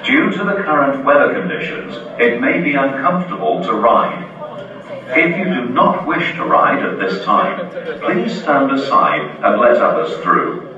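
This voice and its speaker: A man giving a formal, polite station announcement over a public-address loudspeaker at an outdoor ride. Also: medium pitch, lively intonation, unhurried, crowd noise. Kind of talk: pre-recorded safety announcement. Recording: echoey, dull loudspeaker from far off with loud noise.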